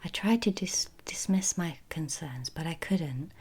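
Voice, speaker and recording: A woman speaking in a breathy, unvoiced ASMR whisper, as the host reading and talking to her listeners. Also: low-pitched, animated, a little slow, darkish tone.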